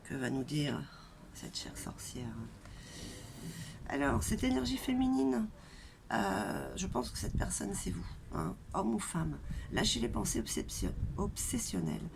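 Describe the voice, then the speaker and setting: Clear background noise surrounds this woman speaking outdoors in a light wind. Her voice is nasal and congested, as if the throat is blocked, with very heavy creak at a middling pitch. She chats casually and hesitantly to viewers as she reads tarot cards. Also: big pitch swings, normal speed. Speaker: tarot reader and channel host. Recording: noisy outdoor recording with wind.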